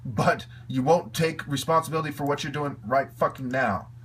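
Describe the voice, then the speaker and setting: A man's voice: mid-range voice, normal speed, a bit bright, husky. A man giving an angry, profane video rant, heated and repetitive in his delivery. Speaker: video commentator.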